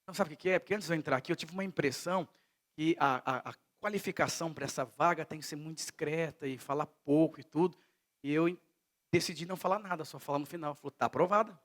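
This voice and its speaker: A male pastor from Brazil preaching a sermon in a church service, telling stories and swinging between hushed and loud delivery. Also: on the high side, fast.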